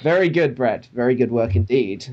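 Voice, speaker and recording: A man's voice: medium pitch, lively intonation, moderate pace, over loud music. A man co-hosting a podcast in casual, joking chat with his co-host, often laughing. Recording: dull lo-fi audio.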